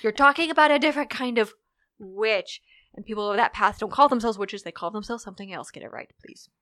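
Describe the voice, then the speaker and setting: Animated woman guest with a dry close sound. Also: mid-range voice, no room sound. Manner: animated, laughs often, quick asides. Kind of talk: casual podcast chat.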